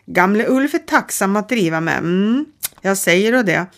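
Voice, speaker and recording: A woman's voice: medium pitch, lively intonation, lightly acted. A woman reading aloud, voicing a fussy, old-fashioned older male train driver.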